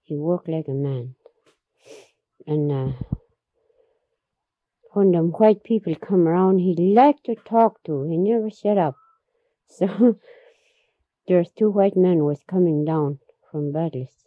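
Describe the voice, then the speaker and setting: Woman storyteller, low husky voice, slow unhurried telling, muffled dry recording. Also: no echo. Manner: unhurried, repeats herself, laughs between stories. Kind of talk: oral history storytelling.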